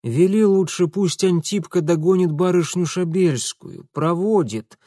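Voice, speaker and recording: A worn-out young man, as a reader puts him on, hoarse and barely able to push the words out. He drags slowly through each phrase in a dry, close storybook reading. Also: high voice, warm tone, no room sound, pitched above the performer's own voice. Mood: weary. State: hoarse and exhausted.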